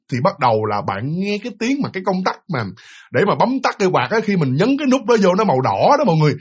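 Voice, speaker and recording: A man's voice: a little high, husky. A man with a Southern Vietnamese accent telling a ghost story in a casual, chatty way, often repeating himself and speaking straight to his listeners. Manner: chatty, repetitive, addresses listeners directly.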